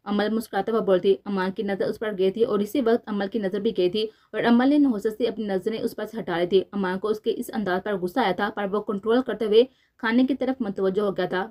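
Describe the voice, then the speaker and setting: A woman narrating a romance novel aloud in a steady, even storytelling manner. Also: mid-range voice.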